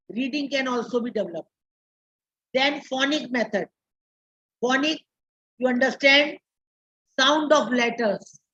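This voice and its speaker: A woman's voice: high-pitched, fairly bright tone, dull audio. A woman with an Indian English accent giving a classroom lecture to teacher trainees, repeating key terms and slipping into Hindi. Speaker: teacher educator.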